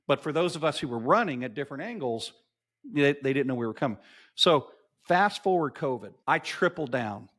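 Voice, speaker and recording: A man's voice: medium pitch, a bit bright. A man in his fifties, a podcast guest telling stories in an emphatic, motivational way and repeating key phrases for effect. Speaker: podcast guest, marketing agency owner. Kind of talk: animated interview storytelling.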